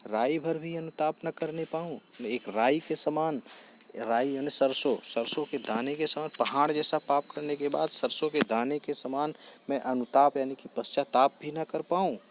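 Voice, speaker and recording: Man explaining poetry with slow recitations. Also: a little high, fairly bright tone, a little hiss or hum. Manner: recites verse lines slowly, then paraphrases them with frequent fillers and repetition. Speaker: teacher explaining Hindi poetry. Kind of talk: explanatory lecture on a poem.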